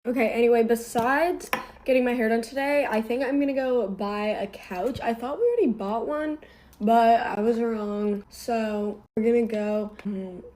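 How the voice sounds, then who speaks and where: Chatty young woman, higher voice, filler-heavy. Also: moderate pace. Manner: sings snippets of songs softly. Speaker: social media creator. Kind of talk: get-ready-with-me vlog chat. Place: bedroom vanity at home.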